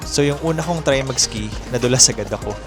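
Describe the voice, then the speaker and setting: A man's voice: mid-range voice, fast. A man with a Filipino accent reading scripted voice-over narration as a travel vlogger. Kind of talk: scripted voice-over narration mixing Tagalog and English. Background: music bed.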